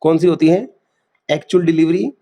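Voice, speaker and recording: A man's voice: a little high, normal speed, mellow. A man teaching a class, quizzing students and repeating key terms. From India. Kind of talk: classroom lecture.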